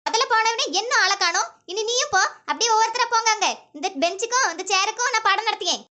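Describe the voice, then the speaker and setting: A very high, bright voice of a woman playing a cartoon village schoolteacher. She is stern and exasperated, scolding in a nagging southern Tamil Nadu accent. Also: expressive, fast, heavily acted. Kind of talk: comedy skit voice acting.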